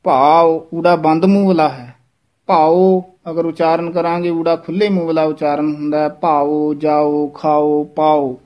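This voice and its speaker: A man teaching the correct pronunciation of scripture, slowly repeating and demonstrating each word. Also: a little high, fairly even intonation, a little mellow. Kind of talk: pronunciation lesson.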